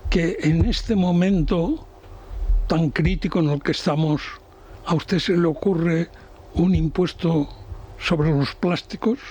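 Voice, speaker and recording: An older man with a Spanish accent, an economics commentator on a radio panel, talking in a slow, halting, professorial way with many restarts. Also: a little high, a little mellow, husky.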